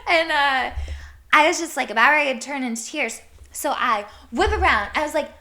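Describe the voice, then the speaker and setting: Woman from Iowa, podcast host, hyper and animated, bright tone. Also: sits high, moderate pace. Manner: hyper and animated, swears casually. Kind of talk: casual storytelling monologue.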